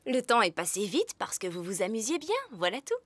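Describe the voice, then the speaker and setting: A woman voicing a gentle, kindly mother with a soothing manner in a children's cartoon. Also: medium pitch, sing-song, brisk, slight background noise. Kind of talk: animated children's cartoon acting.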